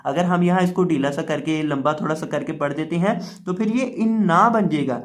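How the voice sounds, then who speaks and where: Man, high voice, Quran teacher, tajweed lesson, patient explanations, repeated examples, slow chanted demonstrations.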